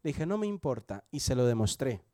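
Speaking with a Colombian accent, a man in his forties gives his church testimony conversationally and keeps asking the listeners questions. His medium-pitched, dark voice swings widely in pitch and moves a little fast, captured in clean studio sound without echo.

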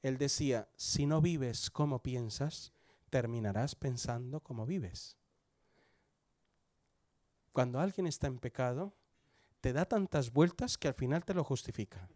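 With measured pacing and long pauses, a Colombian-accented man in his forties talks through his testimony at church, often turning questions to his listeners in a conversational style. The medium-pitched, darkish voice sounds clean and studio-recorded, free of echo.

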